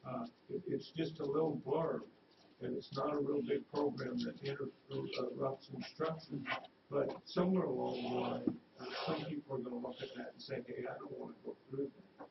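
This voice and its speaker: A man with a gravelly voice questions presenters at a school board meeting, stopping often on uhs and restarts. He is heard from a distance in an echoey room, and the sound is dull and noisy. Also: mid-range voice, fairly even intonation. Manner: halting, many uhs and restarts.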